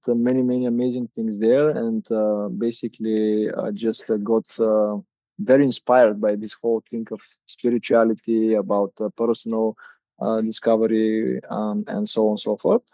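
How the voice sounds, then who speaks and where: A man in his thirties from Bulgaria, a native Bulgarian speaker talking in English with a Bulgarian accent, as a guest coach in a casual interview, halting and full of hesitations. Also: mid-range voice, warm tone, dry recording, highs cut off.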